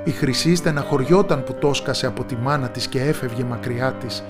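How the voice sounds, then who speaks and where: A man tells a fairy tale at an unhurried storyteller's pace, his voice sitting in a middle register. In the hushed passages he drops low and soft. Faint music plays underneath. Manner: measured storyteller's telling, dropping low in quiet moments.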